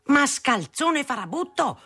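A reader putting on a furious shouting father. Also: sits high, sing-song, slow, voice pushed up, exaggerated voice. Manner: yelling, furious. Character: angry shouting old father, stern professor.

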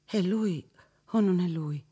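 A man's voice: sits high, slow, dark tone, slightly rough, pitched above the performer's own voice, exaggerated voice. A man voicing a frightened young woman held captive, speaking in a fearful, trembling way, in an audiobook reading.

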